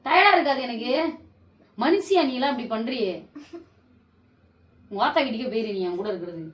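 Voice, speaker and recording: A woman's voice: a little high, lively intonation, a little fast, recorded from a distance. A sleepy young woman at home at night, scolding her partner again and again in a heated, repetitive argument, sounding worn out and annoyed. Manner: scolding, repeats demands, drained and annoyed. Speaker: vlogger in a couple prank video. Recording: echoey room, voice off-mic, faint hiss.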